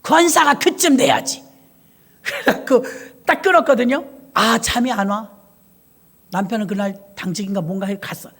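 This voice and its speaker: Woman pastor preaching a lively sermon. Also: mid-range voice, normal speed. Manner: lively storytelling, swinging between loud bursts and hushed asides. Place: church.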